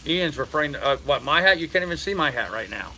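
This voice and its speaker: A middle-aged man with a bright, fairly high voice hosts a casual live chat. He talks informally to his viewers, with faint noise around him. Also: animated, fast, low-quality recording. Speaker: live-stream host.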